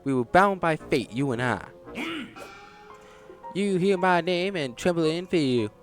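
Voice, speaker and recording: A man's voice: fairly high pitch, lively intonation, unhurried, faint music behind, pitched above the performer's own voice. A man voicing a vengeful, bombastic male villain who leads a clan, delivered in a theatrical, declaiming way.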